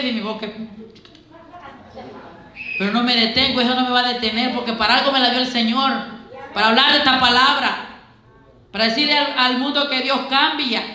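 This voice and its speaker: A woman preacher delivers a lively sermon, urging her listeners with direct questions and slipping into playful quoted voices. Her voice is high and sharply bright. It rings through a heavily echoing church sanctuary. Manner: animated, exhorting the congregation with direct questions; acts out quoted voices with humor. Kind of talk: Pentecostal sermon. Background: congregation answering amens.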